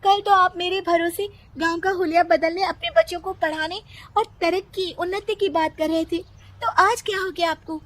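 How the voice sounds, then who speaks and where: A woman's voice: very high voice, fairly even intonation, normal speed, a bit bright, pitched above the performer's own voice. A woman voicing an earnest young village woman in a cartoon, pleading and reproachful. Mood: indignant pleading.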